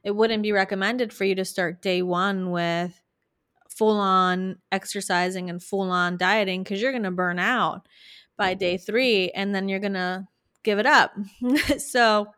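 A middle-aged woman, a business coach, talks through practical advice with animated energy and frequent restarts. Her voice is mid-pitched and recorded dry and close, with no room sound. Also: unhurried, dry recording. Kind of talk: podcast interview chat.

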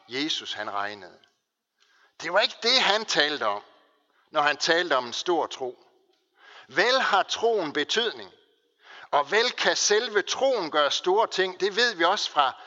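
A man preaching a sermon, with slow, weighty pauses and strong emphasis. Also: on the high side, pushed and bright, big-room sound, highs cut off. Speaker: pastor.

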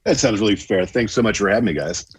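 A man's voice: fairly low pitch, lively intonation, fast talker, breathy edge, no room sound. A man speaking as a podcast guest in casual interview chat, wry and self-deprecating. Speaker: podcast guest, game designer.

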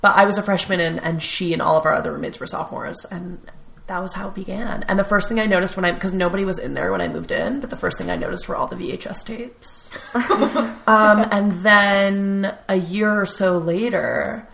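A woman's voice: medium pitch, animated, a little fast, vocal fry, a bit bright. A woman in her twenties hosting a podcast, telling rambling stories about college and dating with a self-mocking humor. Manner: rambling, laughing, self-deprecating. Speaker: podcast host. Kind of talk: casual storytelling chat.

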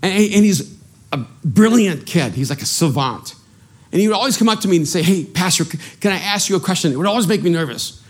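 This middle-aged pastor from El Salvador, a native Spanish speaker, preaches with animation and a self-mocking streak, frequently starting over and repeating words. His voice sits high and his pace is brisk.

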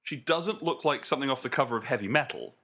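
A man co-hosting a casual podcast panel about video games, talking in a playful, lively way. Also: mid-range voice, fast talker, husky. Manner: animated, playful, breaks into silly voices. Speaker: podcast co-host.

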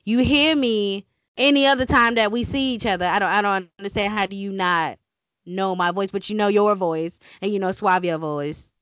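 A woman hosting a podcast in casual banter, with a squeaky, chipmunk-like voice and a feisty, sweary manner. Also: steady tone, normal speed, fairly bright tone, no room sound, lo-fi sound. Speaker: podcast host.

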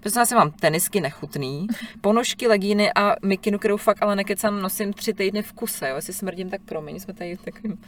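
A woman's voice: hardly any pauses, distant mic, a little hiss or hum. A woman co-hosting a parenting podcast, chatting casually and laughing often. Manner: chatty, laughs often, mimics her child in a high voice. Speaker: podcast co-host. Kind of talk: casual chat about parenting.

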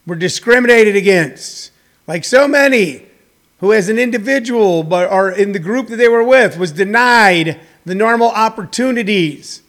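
A man with a notably high voice speaks off the cuff as host of a live talk show. His delivery is halting yet emphatic, and he repeats phrases to drive them home. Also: fairly bright tone. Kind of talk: off-the-cuff topical monologue.

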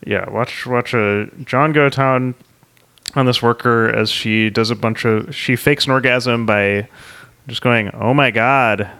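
A man co-hosting a podcast, talking casually and laughing between lines. His voice is smooth and resonant, pitched in the middle range for a man. He walks through a plot with easy, loose phrasing. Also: fairly even intonation, a little slow, bright, forceful tone. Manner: laughs often, recaps plot. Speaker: podcast co-host. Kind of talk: casual chat.

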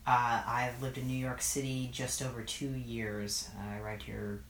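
A man in his thirties from California's East Bay, answering oral history questions in a hesitant, thoughtful way with many pauses, recorded in his apartment. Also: medium pitch, level tone, a bit bright. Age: 30s. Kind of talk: reflective interview answers. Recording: roomy apartment recording, faint noise.

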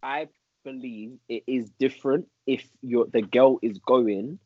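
A man makes his case in a casual group debate, circling back over his opening words. His voice is husky and mid-pitched. The recording is rather dull. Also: steady tone, dry recording. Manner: halting, repeats phrase openings. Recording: muffled lo-fi room sound.

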